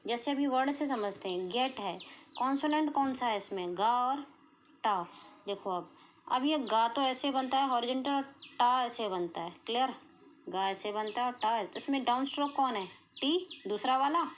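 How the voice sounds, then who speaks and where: A woman's voice: fairly high pitch, moderate pace, slight background noise. An Indian woman teaching shorthand step by step, patiently checking that her students follow. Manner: patient, checks in often with "clear?" and "okay". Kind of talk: explaining a lesson step by step.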